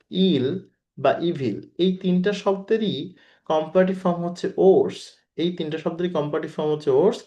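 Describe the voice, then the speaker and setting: Recorded muffled, a man with a high-ish, dark-toned voice teaches an exam-prep grammar lesson. He restates the main points, asks his class rhetorical questions, and blends English words into what he says.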